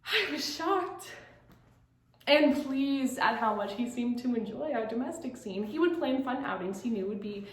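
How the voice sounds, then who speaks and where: High-voiced teen girl performing a dramatic monologue. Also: normal speed, few pauses, roomy sound. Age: teens. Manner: shifts between bright storytelling and hushed dread. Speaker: student competitor.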